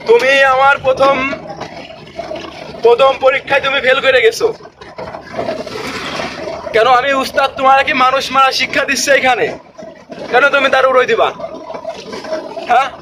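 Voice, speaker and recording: A man's voice: very high-pitched, steady tone, normal speed, pauses often, background noise. A man acting as a driving instructor in a car, bossy and scolding, repeating his instructions. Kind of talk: comic driving lesson skit. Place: in a moving car.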